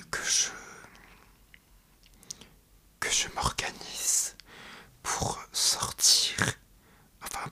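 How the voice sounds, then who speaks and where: A young man hosting an ASMR podcast in a breathy, hesitant whisper, speaking right into the listener's ear. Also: bright, forceful tone. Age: young adult. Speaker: podcast host.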